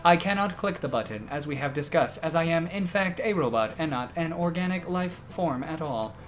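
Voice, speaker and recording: A literal-minded robot voiced by a man for a tabletop game. He speaks in stilted, formal phrases with pedantic deadpan, over faint background music. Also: on the high side, moderate pace, close to an everyday voice. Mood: stilted pedantry. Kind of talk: in-character tabletop game role-play.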